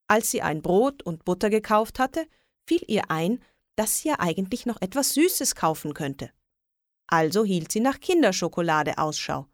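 A woman reading a children's story aloud in a slow, lilting storybook way. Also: lowish voice, no room sound, clean studio sound.

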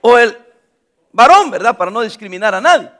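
A middle-aged man preaching a sermon, calling out to the congregation and reading scripture aloud with them. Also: high voice. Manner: animated preaching, calls out to the congregation; reads scripture slowly with the congregation. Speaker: pastor.

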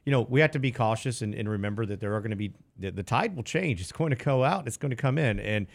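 A man's voice: medium pitch, expressive, fast talker, gravelly. A man co-hosting a casual financial talk show as a financial advisor, chiming in matter-of-factly.

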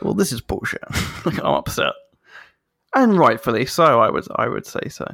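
Gravelly man in casual chat. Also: medium pitch, dry recording. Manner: animated, swears freely, laughs mid-sentence.

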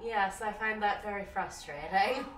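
Female bard for a tabletop game, acted by a woman: flirtatious, direct, curious, slow and lively, distant mic. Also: medium pitch, lightly acted. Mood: frank, flirtatious. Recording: echoey room, distant mic, faint noise.

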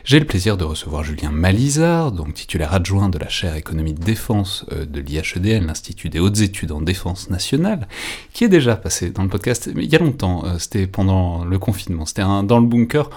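A man hosting a defence research podcast, interviewing guests in a relaxed, halting way with frequent fillers. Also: sits low. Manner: hesitant, with many fillers and restarts. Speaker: podcast host. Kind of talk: conversational interview.

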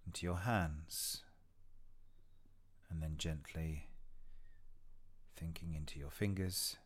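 A man with a deep voice guides a mindfulness meditation. His delivery is soft and hushed, at times close to a whisper. He gives gentle instructions in short phrases, very slowly, leaving long pauses. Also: steady tone. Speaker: meditation guide and podcast host.

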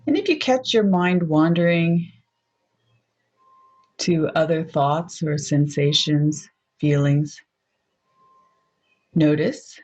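Speaking in a low voice, a woman leads a guided meditation that's soft, unhurried and gently inviting. The recording is dull and lo-fi.

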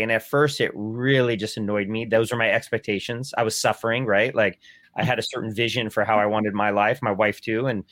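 A man's voice: on the low side, a bit bright, dry recording. A man in his forties, talking in a casual discussion with rambling, self-deprecating speech and frequent restarts.

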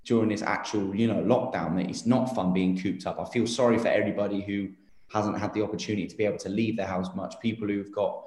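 Late-twenties male guest, low-ish voice, earnest rambling chat, roomy echo. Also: steady tone, quick pace, a little mellow. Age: 20s. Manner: rambling, earnest, many fillers and restarts. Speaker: interview guest. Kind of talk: casual interview talk.

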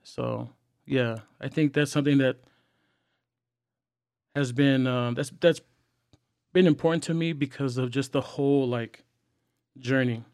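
Young man, podcast guest, earnest and halting, dry close mic. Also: mid-range voice, steady tone, creaky, a little mellow, smooth, dry recording. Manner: earnest, halting with frequent fillers and restarts. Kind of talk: candid personal sharing.

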